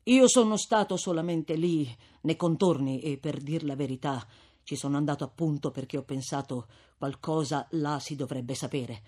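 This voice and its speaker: A man's voice: fairly high pitch, moderate pace, a little mellow, lightly acted. A man reading an audiobook voices an earnest young bridegroom who speaks with urgent, eager bursts.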